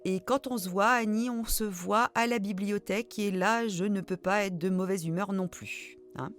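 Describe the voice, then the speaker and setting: Her pitch is medium and her intonation fairly even, delivered at a moderate pace. She's a middle-aged woman hosting a reading channel, casually replying to viewers' questions with plenty of self-deprecating jokes and hesitant fillers.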